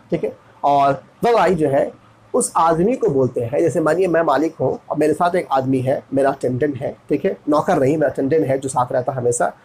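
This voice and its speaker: A man's voice: a little high, darkish tone, breathy edge, low-quality recording. A man from India teaching pronunciation, repeating each word and spelling it out letter by letter. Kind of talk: classroom pronunciation lesson.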